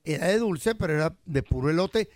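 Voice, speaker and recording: A man co-hosts a radio chat with a high, animated voice. He teases the others and drops quick jokes. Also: no echo, studio quality. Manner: teasing, joking interjections. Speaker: radio show co-host. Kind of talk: casual chat.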